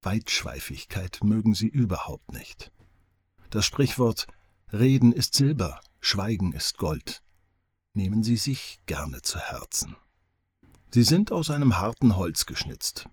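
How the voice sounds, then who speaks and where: A man's voice: on the low side, big pitch swings, measured pace, breathy edge. A man, an author reading his own foreword as audiobook narration, with dry, wry humor.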